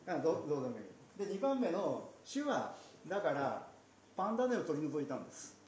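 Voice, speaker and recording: A man teaching from the Bible in a conversational way, slipping in playful asides and soft laughs. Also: on the high side, very animated, brisk. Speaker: pastor. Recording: roomy echo, faint background noise.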